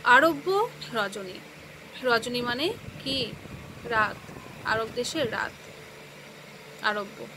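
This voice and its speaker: A woman's voice: a little high, animated, drawn-out words, long pauses, noisy background. A woman teacher explaining grammar in a lesson, breaking words into syllables and asking and answering her own questions.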